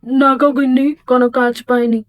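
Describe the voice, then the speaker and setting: A woman voicing a tired, reassuring poor village father, speaking calmly in a doll story drama. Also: sits high, a little fast, no room sound, lightly acted. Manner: calm, comforting.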